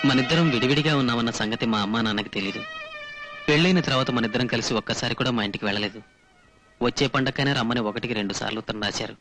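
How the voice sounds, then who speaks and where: Man playing an earnest husband, quick. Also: medium pitch, fairly bright tone, close to an everyday voice. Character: earnest young husband writing a letter. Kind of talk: film acting.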